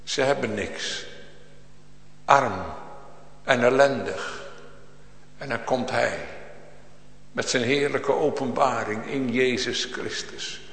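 A man preaching a sermon to his congregation, his voice swelling from hushed to loud in dramatic swings. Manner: preaching with big swings of pitch and loudness. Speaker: pastor. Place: church. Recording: echoey church hall with long reverb.

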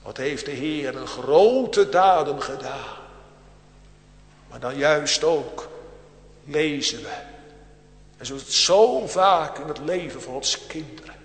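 A man preaching a sermon to a congregation, with a solemn cadence that swells and drops in loudness and archaic biblical phrasing. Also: fairly high pitch, expressive, slow, pauses often. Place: large church. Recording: echoey church hall with long reverb.

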